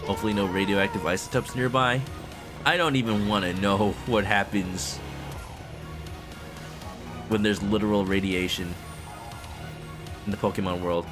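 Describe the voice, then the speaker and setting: A man's voice: fairly low pitch, steady tone, moderate pace, pauses often, over music. A man casually commentating a video game livestream in a playful, exclamatory way.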